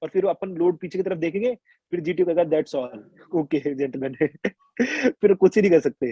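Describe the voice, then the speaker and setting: Young man with a husky, muffled voice. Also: high-pitched, expressive, a little fast, mellow, dry recording. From India. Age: young adult. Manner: chatty, colloquial, many restarts and quoted asides. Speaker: interviewee sharing exam experience. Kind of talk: casual conversational storytelling.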